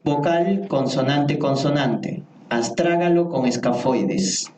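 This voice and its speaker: In this medical anatomy lecture, a male lecturer with a medium-pitched, dark voice goes slowly, says key terms more than once, and quizzes his students. The room echoes, he is heard from far away, and there's a faint hiss or hum.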